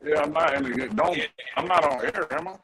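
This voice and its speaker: A man calling in over a choppy connection that keeps cutting out, talking haltingly and asking if he can be heard. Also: a little high, expressive, vocal fry. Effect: choppy, cutting-out call connection. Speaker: player calling in remotely. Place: busy crowded spot.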